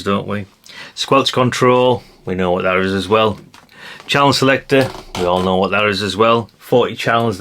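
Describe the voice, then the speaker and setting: A man with a somewhat low, slightly bright voice reviews vintage radios as a vlogger, demonstrating gadgets hands-on in a casual, matter-of-fact way and regularly tagging his comments with questions.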